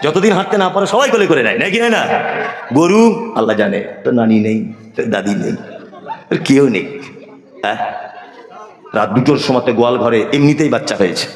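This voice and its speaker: A man's voice: mid-range voice, animated, moderate pace, pauses often. A man preaching a sermon with a West Bengal accent, asking the crowd questions and answering them, and acting out animal voices as he tells stories. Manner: acts out animal voices in a storytelling way. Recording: echoey hall sound.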